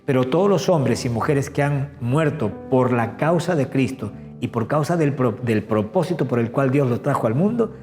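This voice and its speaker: A man's voice: mid-range voice, expressive, normal speed, hardly any pauses, darkish tone. A man, a pastor delivering a sermon earnestly and often asking rhetorical questions. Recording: long hall reverb with faint music.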